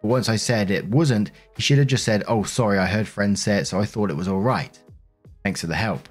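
Guy reading out reddit drama and giving his blunt take, soft music under it. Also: fairly low pitch, brisk, slightly rough. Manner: reads posts aloud, then reacts bluntly. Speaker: story narrator. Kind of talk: reading Reddit stories with commentary.

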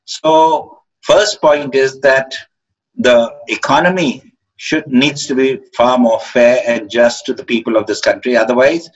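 Older guy in his 70s w/ posh indian accent, stop-start thoughtful interview answers, kinda muffled sound. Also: mid-range voice. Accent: educated upper-class Indian English. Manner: halting, hesitant, searching for words. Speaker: interviewed author. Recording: dull, muffled lo-fi call audio.

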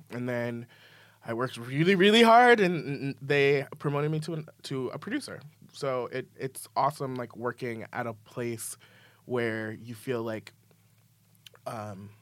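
A man telling stories in a casual podcast chat, animated and full of likes and ums. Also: mid-range voice, no echo. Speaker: podcast producer guest.

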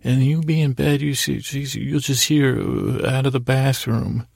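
A middle-aged man with a gravelly, creaky, darkish voice at medium pitch hosts a sleep podcast, sitting close to the mic in a room with no audible ambience. His bedtime monologue rambles haltingly, full of silly, absurd asides, repeating itself and trailing off mid-thought, while his intonation stays fairly even.

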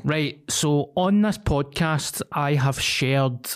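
A man's voice: fairly high pitch, slow. A man with a Glaswegian accent, co-hosting a podcast and casually telling sweary anecdotes in slang, drawing the story out. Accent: Glaswegian Scottish. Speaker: podcast co-host.

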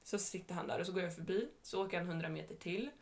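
A young woman telling a story in casual podcast chat, with a chatty manner and dialogue retold. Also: fairly low pitch. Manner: retells events in a chatty way with quoted dialogue. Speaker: podcast co-host.

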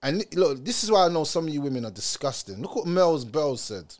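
Young man, London roadman accent, high-pitched, very animated, street slang, casual opinionated rant. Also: fairly quick. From United Kingdom. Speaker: commentator reacting to viewer comments.

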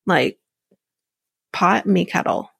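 A woman's voice: on the low side, takes it slowly, gravelly, breathy edge, no room sound. A young woman hosting a podcast, recapping a reality show in a casual, opinionated, chatty way, full of "like" and "um" and laughing at her own asides. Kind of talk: casual chat.

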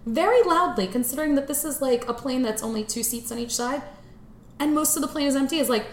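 A woman hosting a comedy podcast, telling a story in an animated, chatty way. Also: sits high, fast talker. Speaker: podcast host. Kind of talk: casual comedic chat. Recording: echoey room, faint background noise.

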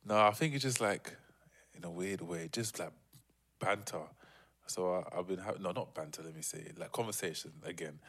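A man's voice: low-pitched, normal speed, fairly bright tone. A man with a London accent co-hosting a podcast over a remote link, rambling and hesitant with many fillers. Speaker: podcast co-host. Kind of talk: casual chat among friends. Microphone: remote call.

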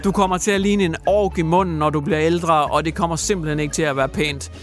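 High-voiced jokey male radio host. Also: fairly even intonation, faint music behind. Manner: jokey, crude, theatrical retelling. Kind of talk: comic radio news chat.

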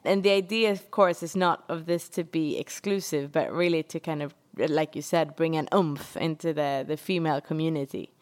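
A woman's voice: low voice, fairly even intonation, moderate pace, hardly any pauses. A woman from Sweden, co-hosting a podcast in casual, bubbly chat full of restarts. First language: Swedish. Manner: chatty, bubbly, with frequent restarts and fillers. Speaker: podcast co-host. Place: home in New York, remote call.

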